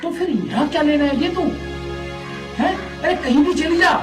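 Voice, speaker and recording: An actor playing a harsh village father who speaks in a gruff, dismissive way. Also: very high voice, moderate pace. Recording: echoey room with music.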